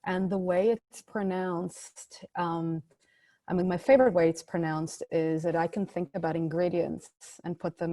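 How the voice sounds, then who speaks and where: A woman's voice: low voice, mellow, no room sound. A woman from Israel introducing herself in a friendly, thoughtful way. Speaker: participant. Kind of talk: personal introduction.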